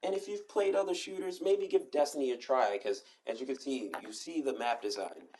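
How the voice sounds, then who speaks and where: A man's voice: medium pitch, brisk, darkish tone. A man hosting a casual walkthrough of a game map, chatty and meandering, often restarting his sentences. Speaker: host giving a game map tour.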